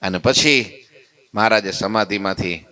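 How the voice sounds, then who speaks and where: A man giving a devotional story sermon in a temple hall, his voice bright and ringing with a smooth, clean tone. He tells the tale with animated swings, acting out each character's lines as he goes. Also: unhurried. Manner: animated storytelling, acts out dialogue with big pitch swings. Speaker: temple katha preacher.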